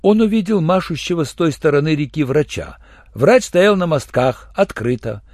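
A man narrating an audiobook in a lively, dramatic reading. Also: a little high, normal speed, no echo, clean studio sound.

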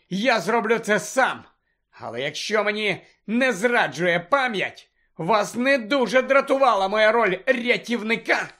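Urgent shouting teen boy, read by a man. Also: sits high, pitched above the performer's own voice. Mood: bitter. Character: angry teenage boy wizard, shouting.

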